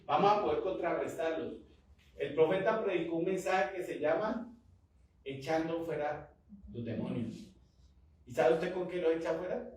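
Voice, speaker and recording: A man's voice: on the high side, moderate pace, long pauses, a little mellow. A man pastor with a Colombian Spanish accent, preaching a sermon with rising fervor and call-and-response. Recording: echoey hall, voice from far off.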